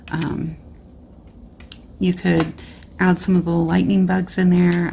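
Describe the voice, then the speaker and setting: Only her hands on a craft mat are visible from the overhead camera as a woman hosts a casual card-making tutorial at an indoor desk. Her lowish, darkish voice has vocal fry and is slightly fading, and there's a little hiss or hum in the audio. She chats and thinks aloud while working.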